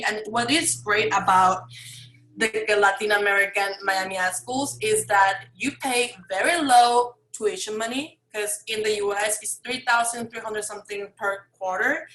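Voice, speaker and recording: A woman's voice: medium pitch, fairly bright tone, reverberant, rough recording. A young woman from Mexico, an advertising student, talking casually and rambling with lots of fillers on a video call. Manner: chatty, rambling with many fillers.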